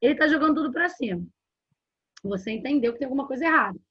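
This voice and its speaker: A woman's voice: high voice, animated, fast, a bit bright, breathy edge, dry recording. A woman with a Brazilian Portuguese accent giving a live workshop lesson, explaining step by step and often checking in with "né?" and "tá?". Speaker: workshop instructor. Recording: dull lo-fi sound.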